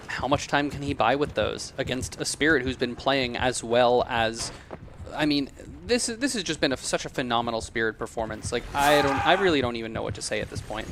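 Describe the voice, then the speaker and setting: A man giving excited, analytical live commentary on a video game match as an esports caster. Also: mid-range voice, slight background noise.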